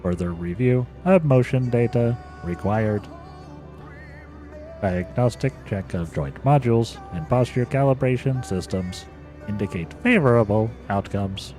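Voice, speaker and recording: Voicing a formal robot unit from a game, a man reads its dialogue in clipped machine-like phrasing for fun. His fairly low, slightly mellow voice moves at a measured pace and stays near his everyday sound, with faint music behind him.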